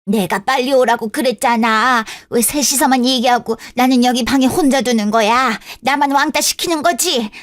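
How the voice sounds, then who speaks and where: A woman's voice: on the high side, moderate pace, hardly any pauses, lightly acted. A woman doing a petulant, childlike old grandmother. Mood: sulky. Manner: whiny, bossy, childish insistence. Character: elderly mother-in-law, childlike, demanding and petulant. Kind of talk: Korean radio drama acting.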